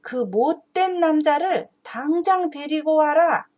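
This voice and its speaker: A woman's voice: high voice, lively intonation, slow pace, darkish tone, voice pushed up. A woman voicing an emotional male king in a children's Bible story, emphatic and dramatic. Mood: angry, commanding. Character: King David, commanding then remorseful pleading monarch.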